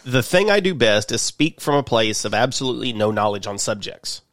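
A man's voice: medium pitch, expressive, brisk, fairly bright tone, no room sound, clean studio sound. Wry man chatting unscripted on a podcast. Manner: wry, self-deprecating. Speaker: podcast co-host. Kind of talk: natural unscripted talk, casual chat.

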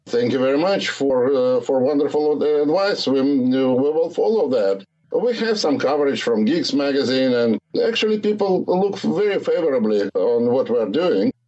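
An older man with a Russian accent talks unhurriedly and searches for his words, with small pauses along the way. The audio comes through slightly muffled and dull. His voice sits at an ordinary middle pitch for a man. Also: expressive, dark tone. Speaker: guest, startup founder. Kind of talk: casual interview.

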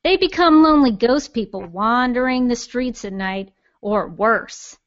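A woman's voice: on the high side, unhurried, highs cut off, lightly acted. A woman voicing a snarky female smartphone assistant with a nasal voice and plenty of attitude, in an audio drama. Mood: chirpy.

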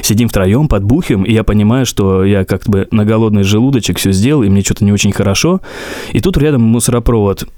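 A man in his thirties co-hosts a relaxed podcast. He tells stories casually and with lively energy. He laughs often along the way. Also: fairly low pitch, quick pace, no room sound. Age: 30s. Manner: animated, laughs while telling stories. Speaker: podcast co-host. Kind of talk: casual storytelling chat.

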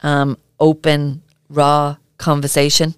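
A woman with an Irish accent co-hosting a podcast, talking earnestly and haltingly with many filler ums. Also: low-pitched, completely flat delivery, clear, resonant tone, no room sound, clean studio sound. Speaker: podcast co-host. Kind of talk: casual podcast chat.

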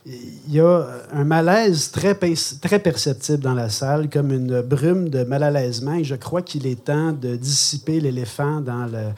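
A man's voice: a little high, unhurried, few pauses, a little mellow. A man hosting a live evening, announcing in a playful, mock-formal way. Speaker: host, master of ceremonies.

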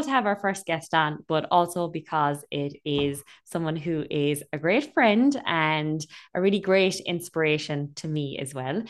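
An Irish-accented woman hosting a podcast and interviewing a guest in a conversational style. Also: deep voice. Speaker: podcast host.

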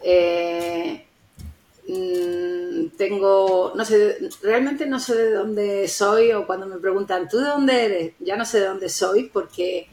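A woman being interviewed on a podcast, speaking in an unhurried, reflective way with frequent pauses and fillers. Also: medium pitch, a little mellow, reverberant, low-quality recording. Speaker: podcast guest.

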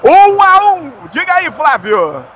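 A Brazilian man giving live football play-by-play with explosive, drawn-out, shouted goal commentary. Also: extremely high pitch, big pitch swings, a little hiss or hum.

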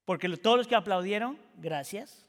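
A pastor with a high voice delivers a sermon in a church sanctuary. He moves from hushed, reflective passages to impassioned, shouted climaxes. His voice carries a long reverb through the hall. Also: a little fast.

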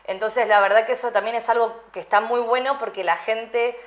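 A woman's voice: on the high side, steady tone, brisk. A woman answering interview questions, explaining step by step and thinking aloud with examples. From Argentina. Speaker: guest, UX designer. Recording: echoey room.

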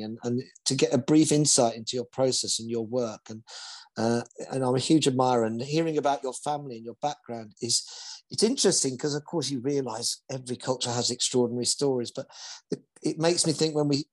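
A man hosting an interview in casual conversation, speaking softly and hesitantly, often restarting his questions. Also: medium pitch. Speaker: interview host.

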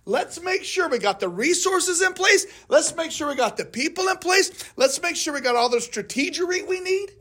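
A man's voice: very high-pitched, expressive, sharp tone, pitched above the performer's own voice, full character voice. A man voicing an anxious crowd of wanderers who keep stalling and pleading for caution. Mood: fretful. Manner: nervous, hurried pleading.

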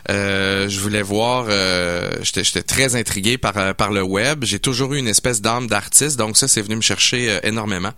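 With hardly any pauses, a man in his forties speaks at normal speed in a fairly low, fairly even voice that comes across pushed and bright. He's a guest mixologist from Quebec City with a Québécois French accent, chatting enthusiastically and hesitantly on a casual radio interview. A studio mic records him with no room sound.

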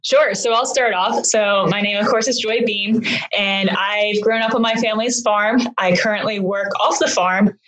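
A woman's voice: medium pitch, fairly even intonation, normal speed, hardly any pauses, fairly bright tone, rough recording. A woman from Pennsylvania who raises cattle, guesting on a podcast, friendly and plainspoken. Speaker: guest, farmer. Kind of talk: casual interview.

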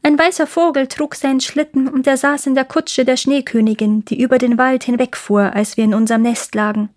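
Woman doing little wood pigeons talking, high and sad, storybook voice. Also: steady tone, fairly quick, natural voice. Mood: plaintive. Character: pair of small frightened wood pigeons.

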